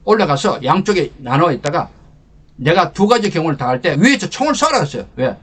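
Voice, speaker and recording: An older man, a lecturer and channel host, tells an emotional personal war story as a leadership talk, swinging from loud to hushed. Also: fairly high pitch, very animated, fairly quick, slightly rough.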